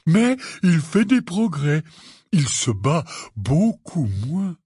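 A man's voice: medium pitch, slow, a little mellow, no echo, studio quality. A man voicing a huge, anxious, tender-hearted half-giant in an audiobook, stammering and pleading. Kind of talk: audiobook character reading.

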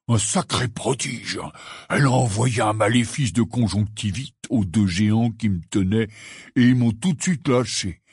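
Hagrid, read by a man, low and husky. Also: moderate pace. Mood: rueful. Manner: rambling, earnest storytelling. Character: huge gruff half-giant gamekeeper, kindly. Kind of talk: audiobook character reading.

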